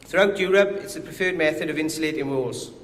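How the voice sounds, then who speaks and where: A Welshman with a strong accent, a company director, delivers a conference talk in a slightly high, fairly bright voice and at a quick pace. There's a hint of nerves and self-deprecation in how he speaks. The hall is echoey, with faint noise in the recording.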